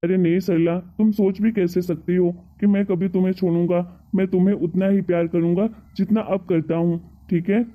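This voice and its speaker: A woman's voice: fairly low pitch, fairly even intonation, fairly quick, hardly any pauses, close to an everyday voice. Woman voicing a meek cartoon husband, tinny sound. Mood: coaxing. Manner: coaxing, meek. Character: meek young husband caught between wife and mother. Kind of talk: cartoon story voice acting.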